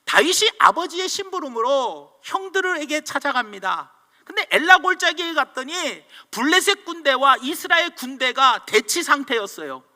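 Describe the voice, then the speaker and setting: A male pastor delivers a sermon in a very high, sharp voice, telling the story with animated flair. His words trail into a long church-hall reverb. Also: normal speed.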